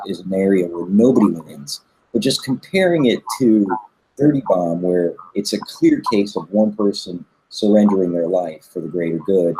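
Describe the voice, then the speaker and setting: A man hosting an interview, asking measured questions and summarizing his guest's points. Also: lowish voice, a little mellow, husky, rough recording. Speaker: interview host.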